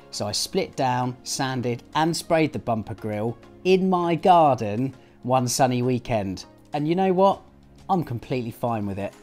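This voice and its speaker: A man's voice: mid-range voice, a little mellow. A young man hosting a car video, narrating upbeat and asking questions. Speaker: host.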